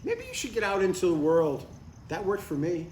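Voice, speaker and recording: At a live comedy table read, a man in his sixties plays an earnest, stubborn sixty-two-year-old father who is chasing a writing career and turns defensive. His voice is high-pitched and darkish, swooping wildly in pitch at a moderate pace, with an upbeat, earnest mood. The room is echoey, and a distant mic picks up faint noise.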